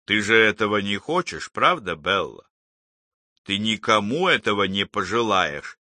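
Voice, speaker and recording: A calm male psychologist who keeps coaxing his patient, soft-spoken and persistent, as a male audiobook reader voices him. The voice sits low and has a forceful, bright edge. The recording is close and dry. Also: measured pace, dry recording, full character voice.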